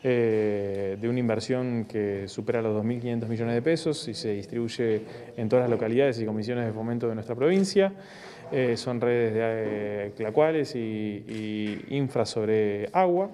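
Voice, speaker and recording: Male official, mid-range pitch, dark mellow tone, halting interview answers, reverberant recording. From Argentina. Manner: hesitant, measured, official explaining. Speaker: provincial government official. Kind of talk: interview about public works.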